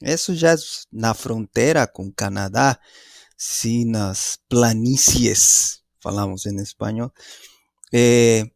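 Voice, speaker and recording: Slow, gravelly Mexican professor. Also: male voice, mid-range voice, no echo, studio quality. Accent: Mexican Spanish. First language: Spanish. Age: 40s. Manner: deliberate, searching for words. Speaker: guest professor. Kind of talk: conversational interview answer.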